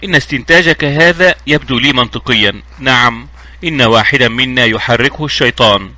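A man's voice: medium pitch, a little fast, pushed and bright. A man reading the part of a stern, pious older woman. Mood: severe.

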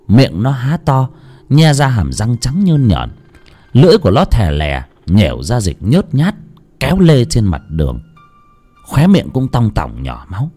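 A man's voice: mid-range voice, warm tone. A man narrating a ghost story in a dramatic, vivid way.

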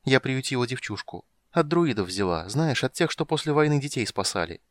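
A fussing, urgent wife of a merchant, voiced by a male narrator in an audiobook. Her lines run slightly higher than the narration, and the sound is dry and close. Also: sing-song, fairly quick, no echo, lightly acted. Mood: anxious urgent. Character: merchant's wife, anxious and tender.

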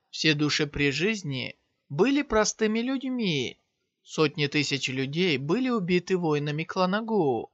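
Man narrating an audiobook, fairly high voice. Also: dry recording. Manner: steady storytelling read. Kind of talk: scripted narration. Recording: slightly dull, dry lo-fi sound.

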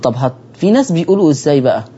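A man's voice: a little high, big pitch swings, rapid-fire, mellow, dull audio, slight background noise. A man with an Egyptian accent teaching Quran recitation on a broadcast lesson, speaking straight to his listeners and repeating key phrases.

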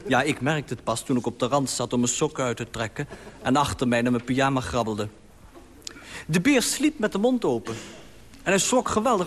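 A man telling an absurd story as a dry, deadpan comic monologue on old radio. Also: medium pitch, big-room sound.

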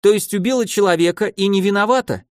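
A man's voice: sits high, fast, no echo, clean studio sound, voice pushed up, close to an everyday voice. A man voicing a boisterous old archmage stuck in a child's body, who bellows gleefully and scolds in a wheedling tone. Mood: indignant.

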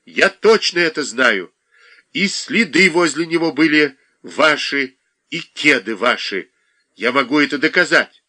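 A man reading aloud, voicing an angry young woman who makes sharp accusations. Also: mid-range voice, sing-song, takes it slowly, exaggerated voice. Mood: accusing.

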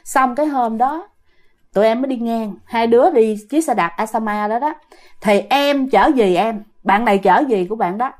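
A woman's voice: on the high side, normal speed, a little mellow. A young woman casually retelling a listener's ghost story, chatty, slipping into the voices of the people in it.

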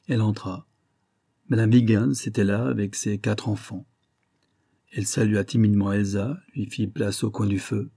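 A man reading a detective story aloud in measured, dramatic narration. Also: lowish voice, fairly even intonation, warm tone, dry recording, studio quality. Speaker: audiobook reader. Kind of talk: scripted narration.

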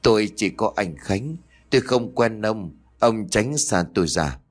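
A man's voice: fairly low pitch, unhurried, breathy edge. A man voicing a cold, emotionless young woman in a spoken ghost story. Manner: flat, emotionless. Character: cold, soulless young woman under a spell.

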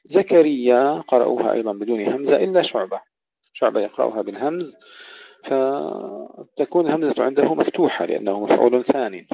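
Gravelly male tajweed teacher, dry lo-fi. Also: mid-range voice, animated, dry recording. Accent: Arabic. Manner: explains variant readings, slowing to recite examples. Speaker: Quran recitation teacher. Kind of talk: tajweed lesson with recited verses. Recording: dull, dry lo-fi audio.

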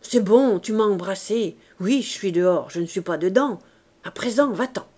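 A woman's voice: mid-range voice, normal speed, natural voice. Woman doing a grumbling, impatient crook. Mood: irritated. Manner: grumbling, urgent hushed scolding. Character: gruff middle-aged male crook, impatient father.

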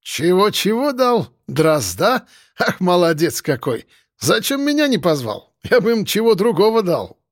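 A man's voice: high-pitched, big pitch swings, unhurried, no echo, studio quality, pitched above the performer's own voice. A man voicing a stocky, jovial young joker with a slight foreign accent, playful and sing-song. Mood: joking.

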